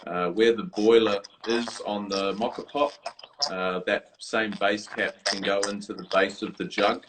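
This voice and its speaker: A man's voice: on the low side, flat delivery, a little slow, noisy background. A man being interviewed from his office over a video call, explaining a product with many fillers and restarts. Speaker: guest, coffee brewer designer.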